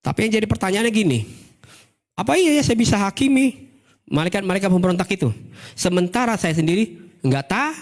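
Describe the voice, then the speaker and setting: Male pastor, lively Sunday sermon, rises to shouts, fairly high voice. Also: a little fast, long pauses. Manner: animated, calls out "amin", sometimes shouting. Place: church service.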